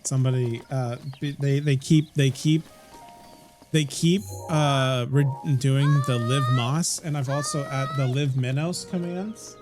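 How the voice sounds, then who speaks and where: A man's voice: medium pitch, unhurried, music in the background. A man casually chatting with his chat while streaming a game, laughing often and trailing off into restarts.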